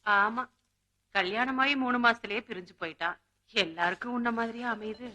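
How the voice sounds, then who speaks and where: A woman's voice: a little high, normal speed, lightly acted. An actress playing a village woman who confides family troubles in a resigned way.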